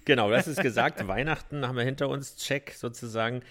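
A man's voice: medium pitch, a little fast, a bit bright. A man co-hosting a podcast, chatting casually in a jokey, tongue-in-cheek way. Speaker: podcast co-host.

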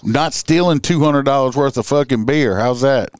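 Blunt, profane Cajun podcast host. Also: male voice, medium pitch, moderate pace, smooth, dry recording, clean studio sound. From Louisiana. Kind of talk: casual podcast chat.

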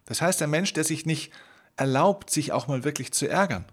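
A man's voice: a little high, expressive, moderate pace, slightly rough. A man hosting a self-help podcast, talking earnestly and directly to the listener as a coach. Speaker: podcast host. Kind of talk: motivational self-help monologue.

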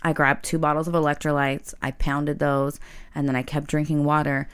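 A woman's voice: deep voice, little pitch movement, normal speed, clear, resonant tone. A middle-aged American woman chatting casually as a podcast co-host, blunt and slangy, swearing freely. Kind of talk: casual chat.

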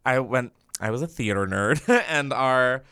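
A man's voice: mid-range voice, expressive, a little slow, bright, forceful tone, smooth. A young man from Delaware, co-hosting a podcast in casual, playful chat, laughing often and rambling. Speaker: podcast co-host.

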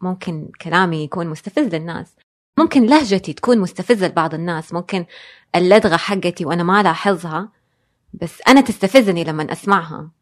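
A woman's voice: fairly low pitch, animated, fast talker. A woman, a guest in a casual interview, speaking reflectively and dropping English phrases into her speech. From Saudi Arabia. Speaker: guest, designer and blogger.

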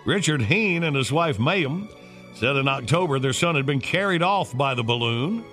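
A man's voice: fairly high pitch, expressive, moderate pace, a bit bright, soft background music. A man hosting a morning radio show with upbeat banter, talking to callers in a folksy, familiar way.

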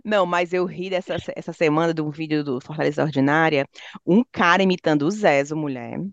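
A woman's voice: low voice, brisk, no echo, highs cut off. A woman, co-hosting a casual chat and telling stories animatedly, often breaking into laughter. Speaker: podcast co-host. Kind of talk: casual chat among friends. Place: lives in London, recorded remotely.

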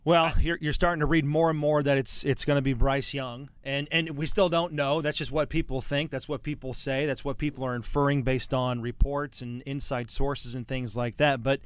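A man's voice: medium pitch, fairly even intonation, normal speed, few pauses, clear, resonant tone, no echo. A man hosting a casual sports podcast, chatty and teasing, often restarting his sentences. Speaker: podcast host.

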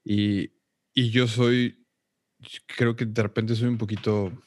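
A man's voice: on the low side, little pitch movement, slow pace, darkish tone. A man, hosting an interview, who thoughtfully reflects on his own family life. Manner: thoughtful, reflective, shares personal stories. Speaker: podcast host. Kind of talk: casual interview conversation.

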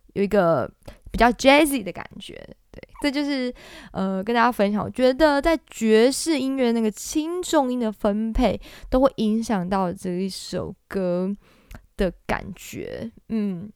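A woman's voice: a little high, a little slow, darkish tone, clear, resonant tone, no room sound, studio quality. A woman, hosting a casual singing lesson in a playful, chatty way. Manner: playful, chatty, often laughs and demonstrates. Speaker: podcast host teaching singing.

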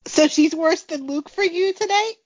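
A woman co-hosting a podcast chats casually, sounding nasal from a cold and keen to argue. Her very high-pitched voice is a little mellow at normal speed, recorded dry with dull lo-fi sound and no room echo.

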